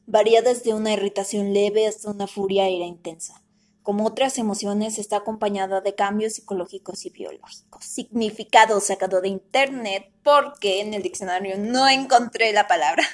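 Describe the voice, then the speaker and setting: A woman delivering a comedic rant monologue, swinging between hushed asides and mock screams. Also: medium pitch, steady tone, normal speed. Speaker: vlogger.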